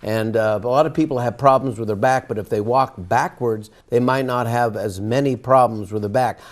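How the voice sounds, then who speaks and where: A man hosting a show casually, speaking in a halting, hesitant way. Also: medium pitch, steady tone. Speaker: show host. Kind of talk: casual presenting.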